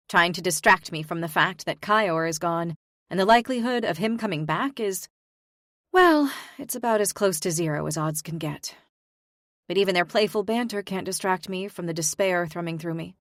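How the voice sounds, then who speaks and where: A woman's voice: fairly low pitch, moderate pace, fairly bright tone, no room sound, clean studio sound. A young woman giving emotional, weary first-person audiobook narration. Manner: emotional, weary, introspective delivery.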